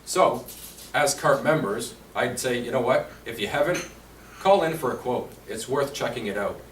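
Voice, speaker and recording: Here a chatty insurance presenter with a medium pitch and fairly bright tone speaks at a moderate pace, quizzing his audience in a conversational seminar. The venue is a seniors' residence meeting room, and the audio is roomy and distant with a faint hiss.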